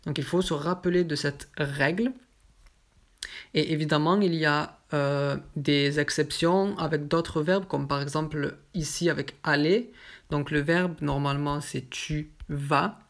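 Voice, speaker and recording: A woman teaching a grammar lesson patiently and methodically, often linking her points with filler words. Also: low-pitched. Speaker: French teacher. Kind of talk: slow explanatory grammar lesson.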